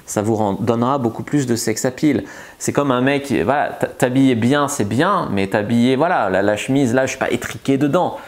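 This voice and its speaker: Here a male seduction coach speaks at normal speed in a mid-range voice, giving casual advice straight to camera. He stays loose and chatty, frequently using fillers and starting over.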